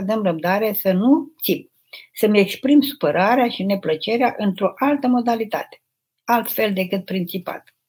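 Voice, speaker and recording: An older woman with a husky, breathy voice speaks in a gentle and motherly way. She answers viewers' questions slowly, as an abbess giving counsel live. Her pitch sits in a middle register. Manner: gentle, motherly, unhurried, addresses listeners tenderly. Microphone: live stream microphone.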